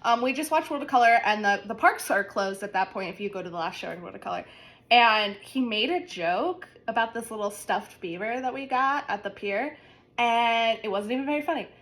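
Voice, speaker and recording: A woman's voice: on the high side, lively intonation, fairly quick, a bit bright. A young woman co-hosting a podcast, telling stories in a rambling casual chat full of fillers. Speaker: podcast co-host.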